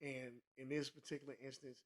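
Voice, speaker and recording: A man co-hosting a podcast in casual chat, blunt, profane and animated. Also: mid-range voice, a little fast. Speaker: podcast co-host.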